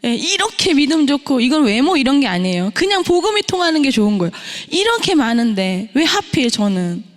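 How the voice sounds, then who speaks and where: Higher-voiced woman preaching in reverberant church. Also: very animated, a little fast. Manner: storytelling with rhetorical questions. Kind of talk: testimony sermon. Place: church sanctuary. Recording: long reverb of a church hall.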